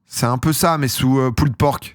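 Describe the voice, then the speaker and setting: A young man from France talks to his stream viewers in loose, rambling casual chat, full of slang and self-mocking laughs. His voice sits at an ordinary middle pitch. The sound is dry and close, with no room echo. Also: fairly even intonation, a little fast.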